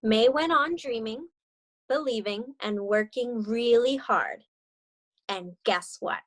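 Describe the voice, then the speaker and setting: Over a video call from an indoor room, a young woman teaches children and reads them a story aloud. Her voice sits fairly high and she speaks slowly.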